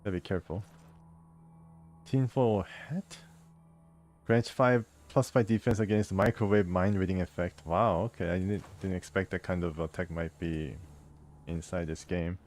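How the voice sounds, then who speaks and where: A man commenting casually on a role-playing game as he plays, reading the game's text aloud and thinking out loud with an amused, chatty manner. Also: low voice, steady tone, normal speed, soft background music. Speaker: gameplay host.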